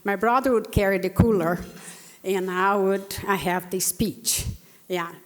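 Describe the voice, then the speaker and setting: Sitting on a panel, this Brazilian woman in her sixties shares a personal story earnestly, her Brazilian Portuguese accent clear as she stumbles through fillers and restarts. She keeps a medium pitch, a steady tone and a measured pace, all wrapped in long hall reverb.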